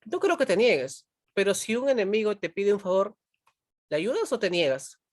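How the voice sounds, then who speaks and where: A woman's voice: mid-range voice, very animated, moderate pace, a little mellow, no echo, studio quality. A woman teaching a philosophy class, constantly checking in with her students, asking them questions and pushing them to answer. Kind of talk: online pre-university class.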